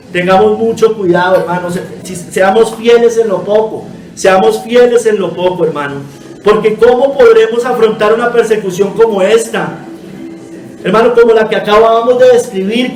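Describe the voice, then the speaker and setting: A man delivers a sermon as pastor, pleading earnestly and addressing his congregation as brothers and sisters. His voice sits high for a man. The sound is roomy and echoing, caught from some distance from the mic. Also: moderate pace, darkish tone. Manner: earnest exhortation, constantly calling listeners brother. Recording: echoey room, voice from a distance.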